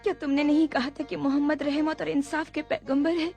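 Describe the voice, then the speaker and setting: A woman's voice: sits high, level tone, a little fast, darkish tone, soft background music. An actress dubbing a heartbroken young woman who pleads and reproaches. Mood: reproachful. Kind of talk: Urdu film dubbing.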